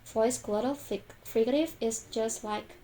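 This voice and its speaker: A young woman gives a class presentation in a slow, measured way. Her voice is fairly high yet mellow and dark in tone. She repeats each example sound several times with care. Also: slight background noise, poor audio. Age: young adult. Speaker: student presenter.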